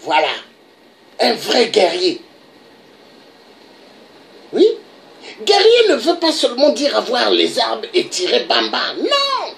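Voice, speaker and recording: Gravelly woman ranting slowly on politics, big swings in pitch, keeps hammering points home. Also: wildly swooping pitch. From DR Congo. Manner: emphatic, repeats "hein?" for emphasis. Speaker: political commentator. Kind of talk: impassioned monologue to camera.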